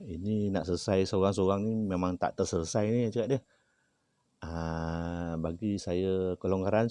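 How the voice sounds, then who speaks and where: A man's voice: low-pitched, mellow, no echo. A man with a Malaysian Malay accent, a traditional healer telling a story in a casual way. He gets dramatic and raises his voice when he quotes himself.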